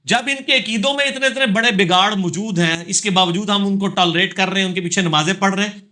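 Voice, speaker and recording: Emphatic high-voiced male scholar. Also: sharp tone. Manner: emphatic, lecturing, with tag questions. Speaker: religious scholar answering audience questions. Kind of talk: live question-and-answer session.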